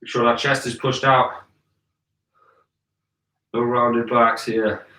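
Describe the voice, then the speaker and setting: Male fitness coach, thirties, barking motivating commands in a forceful voice, off-mic in a roomy space. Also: mid-range voice, level tone, slow. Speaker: fitness coach leading a home workout. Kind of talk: live workout instruction with short commands. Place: living room with wooden floor, indoors. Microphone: camera a few metres away. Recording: echoey room, distant from the mic.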